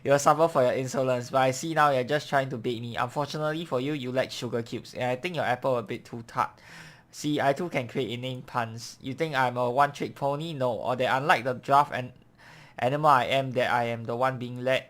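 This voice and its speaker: A man's voice: mid-range voice, fairly even intonation, a little fast, a bit bright, close to an everyday voice. A man reading the lines of a pompous, villainous male nightmare horse lord from a game, speaking in a grandiose, threatening way. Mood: menacing. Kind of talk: reading game dialogue aloud.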